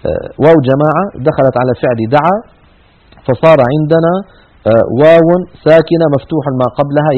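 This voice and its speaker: A man teaching a lesson on Quranic Arabic grammar, reading out examples with emphasis and repeating key points. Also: a little high. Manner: explains slowly, reads examples aloud with emphasis, repeats points. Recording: tinny phone-like broadcast sound.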